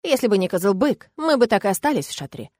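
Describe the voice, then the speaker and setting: Expressive woman reading a romance fantasy. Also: mid-range voice, fast, no room sound. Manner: expressive, lively storytelling. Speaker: audiobook reader. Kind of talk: first-person romance fantasy narration. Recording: dry close recording.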